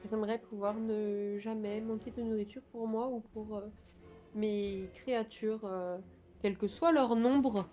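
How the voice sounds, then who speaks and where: A woman's voice: medium pitch, warm tone. A woman improvising casually as a tabletop game player, rambling and correcting herself as she goes. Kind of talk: casual improvised role-play.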